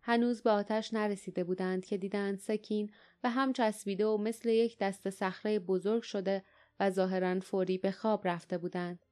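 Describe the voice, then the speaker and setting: A woman narrating an audiobook in a calm, even storytelling manner. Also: mid-range voice. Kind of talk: scripted narration.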